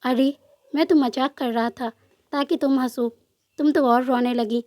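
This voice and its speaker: A woman voicing a calm young male officer who soothes and gently teases in a storybook love tale. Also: high voice, unhurried, no room sound, clean studio sound. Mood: soothing. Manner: soft, reassuring, lightly joking. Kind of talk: storybook narration with voiced dialogue.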